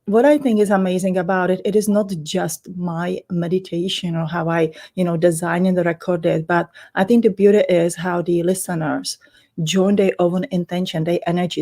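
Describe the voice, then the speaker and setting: This energy healer, a middle-aged Czech woman speaking with her native Czech accent, is a guest in an interview. She rambles and explains things in a casual way, her voice lowish and a little mellow.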